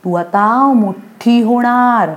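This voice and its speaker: A woman voicing a patient, gentle mother in a children's story, calm and soothing with her child. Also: on the high side, drawn-out words, voice pushed up. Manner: calm, soothing, lightly teasing.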